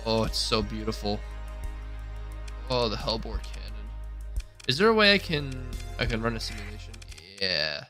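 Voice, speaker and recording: A man's voice: fairly low pitch, expressive, moderate pace, long pauses, bright, forceful tone, soft background music. A young man streaming a space strategy game, thinking aloud and mocking his own mistakes with frequent exclamations. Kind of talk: casual gameplay commentary.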